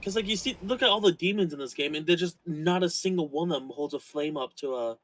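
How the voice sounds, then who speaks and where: A man talks casually over a video game session, his voice sitting a bit higher than most. He rambles in animated bursts, stumbling over fillers as he hunts for the point. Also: fast talker, poor audio. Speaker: gaming co-host. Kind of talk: casual chat while playing a game.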